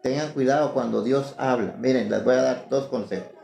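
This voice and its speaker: Guatemalan male preacher, gravelly and warm-toned, fervent testimony, echoey church hall. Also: mid-range voice, a little fast, faint music behind. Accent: Guatemalan Spanish. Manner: fervent, storytelling, building to impassioned pleading. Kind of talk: testimony sermon to a congregation.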